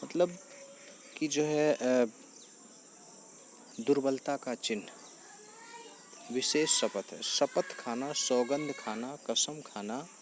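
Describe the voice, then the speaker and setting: A man of ordinary pitch, teaching a classic poem. He recites each verse deliberately and then unpacks it in a patient, repetitive way, filling his pauses with small hesitations. Faint background noise sits under his voice. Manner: recites verse lines slowly, then paraphrases them with frequent fillers and repetition. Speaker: teacher explaining Hindi poetry. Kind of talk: explanatory lecture on a poem.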